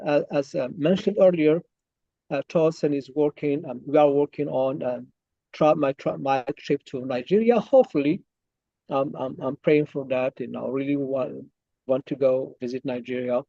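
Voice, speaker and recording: A man's voice: mid-range voice, gravelly, darkish tone, no room sound, lo-fi sound. A man from Morocco giving a webinar talk from a coffee shop over an online call, with many fillers and restarts. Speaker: guest speaker. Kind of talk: webinar presentation.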